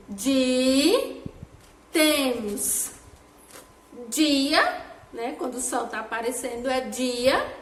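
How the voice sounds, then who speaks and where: A woman teacher giving a children's phonics lesson, sounding out each syllable slowly in a sing-song way. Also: high voice, a bit bright. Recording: echoey room with faint background noise.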